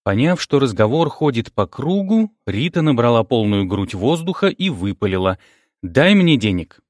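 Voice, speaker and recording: A man reading a novel aloud as an audiobook narrator, with a lively, expressive delivery. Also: medium pitch, moderate pace, dry recording, studio quality. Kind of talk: scripted narration.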